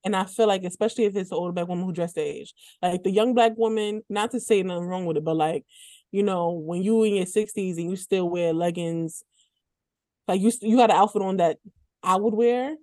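A woman's voice: mid-range voice, fairly quick, darkish tone, no echo. A woman co-hosting a podcast, chatting casually with many "like" fillers and laughing as she tells stories. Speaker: podcast co-host. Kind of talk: casual chat.

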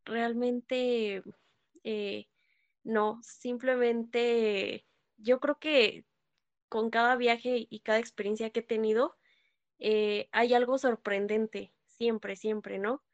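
A woman's voice: on the high side, steady tone, slow, muffled recording. A young woman, a guest in a casual chat, hesitant and earnest with many fillers. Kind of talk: casual conversation.

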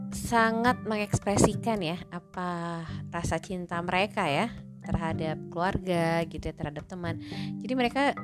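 Indonesian woman, slightly low voice, casual chatty storytelling that slips into English, over music. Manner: chatty, lots of fillers, switches into English phrases. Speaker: storyteller recalling an exchange year. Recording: clear music playing under the voice.

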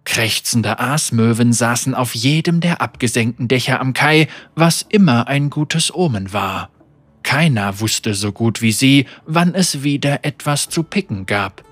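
A man reading an audiobook story as narrator, with measured, vivid storytelling. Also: mid-range voice, expressive, fairly bright tone, husky, no room sound. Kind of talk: scripted narration.

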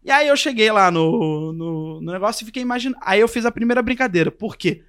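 A man's voice: sits high, quick pace, smooth. A young man casually telling a story on a podcast, acting out the quotes and voices of the people in it. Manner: animated, acts out quotes and voices. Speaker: podcast guest.

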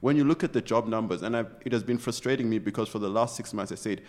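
A middle-aged Ugandan executive speaks earnestly and with passion as a guest in a conversational interview, frequently restarting his sentences. He talks fast in a lowish, somewhat dark voice.

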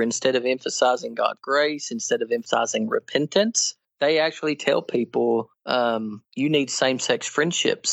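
A man being interviewed on a podcast as a guest theologian, explaining in an earnest way and growing animated when he argues. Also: medium pitch, vocal fry, no room sound. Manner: earnest, animated when critiquing, frequent restarts.

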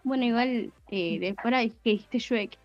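A woman's voice: a little high, moderate pace, no echo. A young woman co-hosting a casual podcast, speaking in an earnest, reflective way. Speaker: podcast co-host. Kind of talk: casual chat. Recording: dull muffled sound with faint music.

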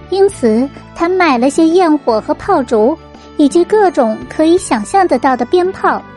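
High-voiced woman telling children's bedtime fairy tales. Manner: expressive storytelling to little listeners. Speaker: children's bedtime story host. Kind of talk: bedtime fairy-tale narration for small children. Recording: music behind the voice. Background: music.

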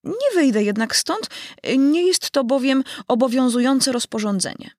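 A woman's voice: high voice, expressive, normal speed, dry recording, clean studio sound, pitched above the performer's own voice. Woman voicing a stubborn little girl. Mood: insistent.

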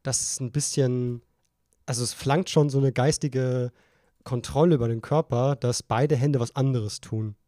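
A young man rambling through a tipsy podcast story, restarting sentences as he goes. His voice is mid-pitched and recorded dry and close, with no room sound. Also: fairly even intonation, a little slow, dark tone, no echo. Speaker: podcast co-host. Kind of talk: casual chat.

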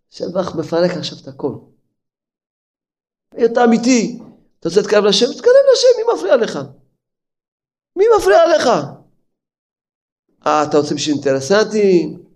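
A man, an older rabbi, delivering an impassioned sermon, his voice leaping up in sudden outbursts and falling to low, quiet asides. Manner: impassioned, with sudden pitch leaps and drops to near murmur.

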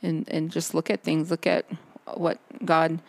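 Soft-spoken woman chatting about faith. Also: deep voice, flat delivery, gravelly, dry recording. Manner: halting, many restarts and fillers. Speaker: podcast co-host. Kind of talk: casual faith chat. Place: outdoors under a backyard overhang by a fire pit.

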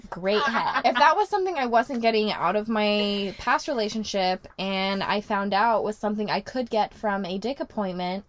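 A woman's voice: medium pitch, moderate pace, few pauses. A woman podcaster recorded inside a closet, chatting casually and brashly with lots of swearing and "like". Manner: brash, sweary, heavy use of "like". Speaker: podcast co-host. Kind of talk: casual raunchy chat.

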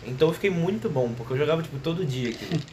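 A man's voice: a little high, lively intonation, rapid-fire, darkish tone. A Brazilian man co-hosting a podcast, telling casual anecdotes in an informal way. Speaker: podcast co-host. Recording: faint background noise.

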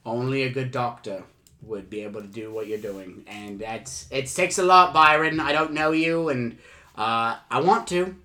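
A man hosting a comedy show in improvised chat, talking in a rambling, halting and effusive way. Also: mid-range voice, pushed and bright.

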